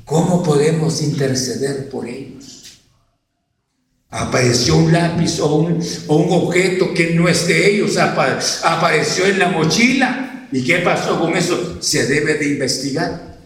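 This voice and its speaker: High-voiced preacher in an echoing hall. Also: male voice, unhurried. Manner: emphatic, repeatedly addresses the congregation as brothers. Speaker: pastor. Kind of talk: sermon. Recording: very echoey hall, distant mic.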